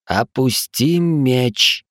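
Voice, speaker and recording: A man's voice: medium pitch, animated, moderate pace, no echo, clean studio sound, voice pushed up, lightly acted. A man voicing the wary male companions in a reading, in a raised, urgent voice. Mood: tense.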